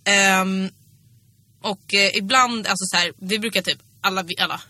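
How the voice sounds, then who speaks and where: A woman's voice: mid-range voice, fairly even intonation, bright, forceful tone. A young woman with a Swedish accent, co-hosting a casual podcast, talking in loose, rambling sentences. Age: young adult. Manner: chatty, many fillers and restarts, laughs easily. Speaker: podcast co-host. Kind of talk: casual chat.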